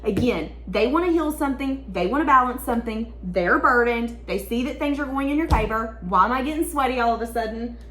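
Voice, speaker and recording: A woman's voice: a little high, animated, a little fast, few pauses, a bit bright, roomy sound. A woman giving a tarot reading to her viewers, talking in an emotional, rambling, repetitive way. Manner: emotional, stream-of-consciousness, repeats herself. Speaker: tarot reader.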